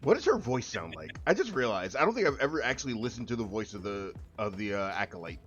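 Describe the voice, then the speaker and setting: A man's voice: fairly low pitch, big pitch swings, fast, fairly bright tone, highs cut off, faint music behind. A young man streaming a game, chatting casually with friends and laughing often. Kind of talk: casual gameplay chat.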